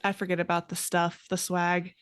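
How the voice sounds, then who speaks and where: A woman's voice: lowish voice, monotone, normal speed, smooth, no room sound, studio quality. A woman guest on a casual podcast, easygoing and self-deprecating.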